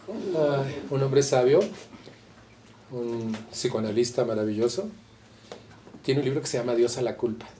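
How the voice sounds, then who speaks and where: A man's voice: medium pitch, background noise. Candid Mexican man at a support meeting. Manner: candid, colloquial, addresses listeners directly. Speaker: Al-Anon group speaker. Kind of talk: personal talk to a support group.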